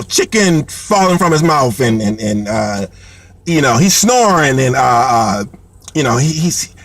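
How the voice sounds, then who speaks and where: A man telling a comic story in a rambling way, full of fillers and repeated words, laughing as he goes. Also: fairly high pitch. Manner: animated, laughs between lines.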